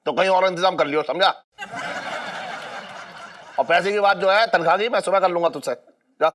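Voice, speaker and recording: A man's voice: high-pitched, a little fast, fairly bright tone. An actor in a sitcom playing a bossy shop owner who teases and mocks his wife. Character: bossy, sarcastic middle-aged shop owner and husband. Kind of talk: sitcom acting.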